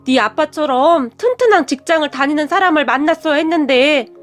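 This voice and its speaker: A woman voicing a pleading, destitute middle-aged birth mother who speaks slowly and begs. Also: high voice, expressive, soft background music. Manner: pleading, slow and drawn out.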